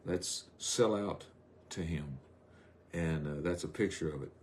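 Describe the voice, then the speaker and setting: A middle-aged man, preaching a folksy, rambling sermon on a live stream with drawn-out emphasis. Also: low-pitched, a little hiss or hum.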